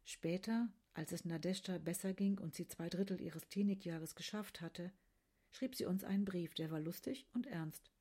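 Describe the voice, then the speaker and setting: A woman narrating a literary story in a hushed way, often dropping to a whisper. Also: fairly low pitch, moderate pace.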